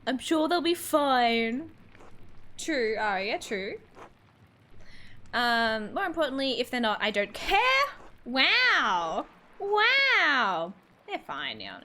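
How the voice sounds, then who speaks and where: A woman's voice: a little high, bright, forceful tone. Chatty young woman streaming a game. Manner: chatty, reads game text aloud, jokes and reacts with alarm. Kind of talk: live game playthrough commentary.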